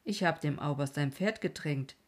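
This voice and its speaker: A woman's voice: deep voice, moderate pace. A woman doing a grinning guide in broken speech. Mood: friendly. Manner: broken, simple phrasing.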